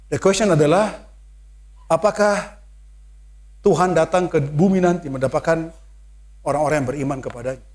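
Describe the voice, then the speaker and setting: A man with an Indonesian accent preaching a sermon in church, mixing English phrases into his talk and building to loud, emphatic calls. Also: fairly high pitch.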